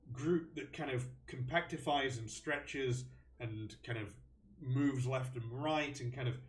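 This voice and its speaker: A man's voice: mid-range voice, reverberant, far from the mic. A man hosting a live stream, thinking aloud about a game with many ums and restarts. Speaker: host.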